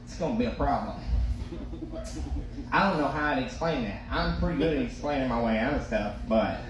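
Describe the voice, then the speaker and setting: A man's voice: medium pitch, expressive, brisk, crowd noise. A man doing stand-up comedy storytelling, with toothless, slightly slurred articulation and an informal, self-deprecating, rambling delivery. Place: live comedy stage in a reverberant room. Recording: echoey room, loud background noise.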